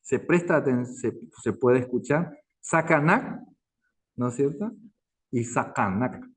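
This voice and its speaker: A man's voice: medium pitch, darkish tone. A man teaching a language class online, patient and repetitive, constantly checking in with his listeners. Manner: slow, patient, repeats words and asks "¿no es cierto?".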